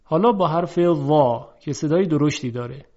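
A man with a slightly high voice gives a pronunciation lesson. He explains briskly, then stretches out each example word in slow recitation. The recording sounds dull and lo-fi. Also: a little mellow. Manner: fast explanatory talk between examples. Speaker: Quran recitation teacher.

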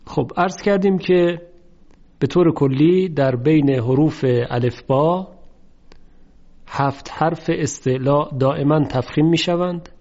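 Man teaching slowly, dull lo-fi sound. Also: a little high, darkish tone. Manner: slow, drawn-out demonstration of words. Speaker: Quran recitation teacher. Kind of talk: lesson on tajweed. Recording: dull lo-fi recording.

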